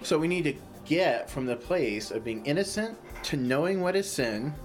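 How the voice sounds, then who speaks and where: A man's voice: on the high side, lively intonation, moderate pace, faint music behind. A man hosting a spiritual discussion, explaining ideas earnestly and leaning on "you know".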